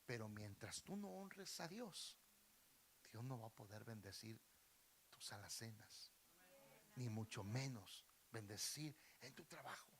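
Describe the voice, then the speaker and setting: A man's voice: fairly low pitch, expressive, unhurried, fairly bright tone. A man, a pastor preaching a sermon with fervor and often addressing listeners as brother. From Mexico.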